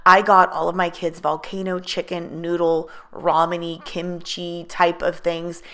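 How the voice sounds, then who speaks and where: A woman's voice: lowish voice, flat delivery, a little slow, fairly bright tone. A woman, a mother of six, narrating a shopping vlog voice-over with upbeat enthusiasm about bargains. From United States. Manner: upbeat, enthusiastic deal-hunting. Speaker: vlogger.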